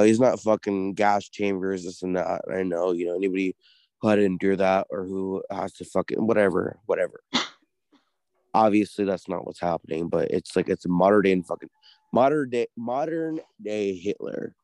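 A man's voice: low voice, normal speed, darkish tone, dry recording. A man co-hosting a casual podcast, ranting in a heated, profane way. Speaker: podcast co-host.

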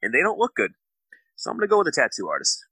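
A man's voice: on the high side, wildly swooping pitch, racing, pushed and bright, slightly rough, no echo. A man co-hosting a podcast, joking casually with his friends. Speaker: podcast co-host. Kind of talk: casual comedic banter.

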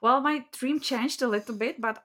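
A woman's voice: high-pitched, moderate pace, pushed and bright. A woman with a Czech accent, a non-native English speaker, answering interview questions casually with frequent laughs and hesitant fillers. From Czech Republic. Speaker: podcast guest.

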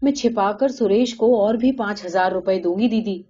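A woman's voice: mid-range voice, warm tone, breathy edge, soft background music, lightly acted. A woman voicing an anxious middle-aged village mother who pleads insistently in a storybook reading. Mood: pleading. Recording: dull lo-fi recording.

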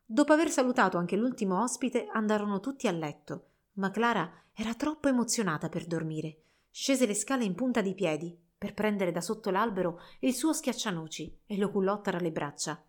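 A woman narrating a fairy tale for children in a slow, measured storytelling voice. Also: medium pitch.

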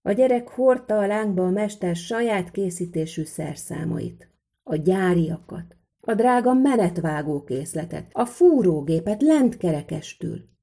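A woman's voice: fairly low pitch, expressive, creaky, dark tone, breathy edge. A woman reading a folk tale aloud in a vivid, rhythmic storytelling manner.

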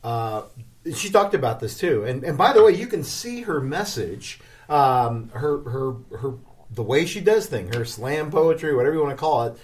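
Man, podcast co-host, lively swooping intonation, casual chat, a little far from the mic. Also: medium pitch, moderate pace. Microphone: small microphone shared by two people, slightly distant. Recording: distant shared tiny microphone.

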